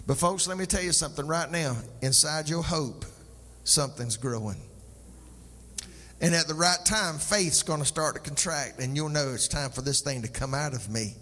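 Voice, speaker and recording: High, bright-voiced man preaching in sing-song. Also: in a large hall. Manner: call-and-response, sing-song preaching cadence. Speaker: pastor. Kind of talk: preaching a sermon.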